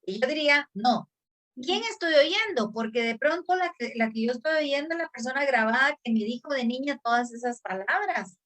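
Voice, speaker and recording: A woman hosting a conversation on mental health, explaining ideas and acting out a harsh inner critic in quick asides. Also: high-pitched, expressive, a bit bright.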